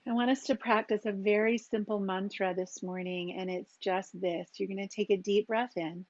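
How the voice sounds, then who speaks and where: A woman teaching a yoga class, giving calm and gentle cues for breath and posture with long pauses. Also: medium pitch, no room sound, muffled recording. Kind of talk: guided yoga and meditation instruction.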